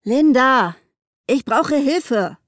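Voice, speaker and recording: A woman's voice: medium pitch, big pitch swings, a little slow, vocal fry, dark tone, dry recording, clean studio sound, full character voice. A woman voicing a brash, bullish young man who talks bluntly and complains, in a storybook reading. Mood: urgent.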